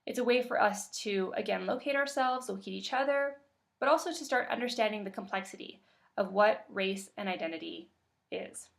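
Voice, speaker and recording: A woman from Canada giving a webinar presentation as a workshop facilitator, calm and measured with occasional fillers. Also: mid-range voice, creaky.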